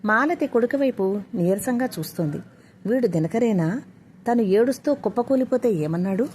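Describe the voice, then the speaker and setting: A woman storyteller reading a scripted story aloud in a steady, even way. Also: a little high, moderate pace, slight background noise.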